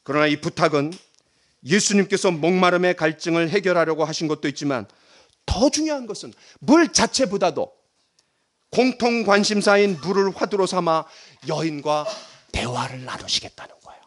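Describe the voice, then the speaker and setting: A middle-aged male pastor preaching a sermon, dramatic, swinging between loud emphasis and hushed near-whispers and leading the congregation in reading aloud. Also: high voice, lively intonation, moderate pace.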